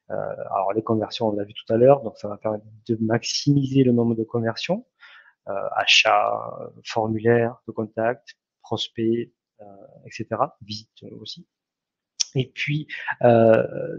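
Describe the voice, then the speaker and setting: A man's voice: mid-range voice, gravelly, darkish tone, husky, dry recording, muffled recording. A man giving a spoken lesson, hesitant, with many fillers and self-corrections. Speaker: online ads trainer.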